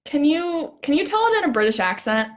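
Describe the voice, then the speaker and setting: High lively voice, a woman reading a playful young stargazer, teasing, eager, play reading. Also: fairly quick. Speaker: actor in a rehearsed play reading.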